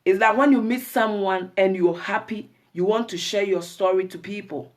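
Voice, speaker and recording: A woman's voice: medium pitch, moderate pace. Chatty Ghanaian woman hosting a live show. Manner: chatty, greets viewers by name, mixes in Twi; preachy advice to women. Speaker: talk show host. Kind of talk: live show chat with viewers.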